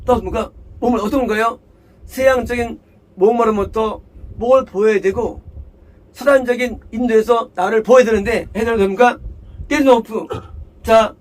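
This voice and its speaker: A man's voice: very high voice, rough recording. A male pastor preaching an expository sermon. He keeps asking questions and answering them himself, mixes English scripture words into his speech, and scolds his hearers bluntly. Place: church in Seattle.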